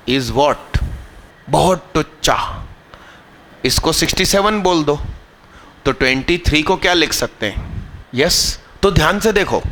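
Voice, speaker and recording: Man, math teacher, classroom lecture, slightly high voice, drills and teases students. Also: sharp tone. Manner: scolding, teasing students mid-lesson; questions the class and drills terms slowly.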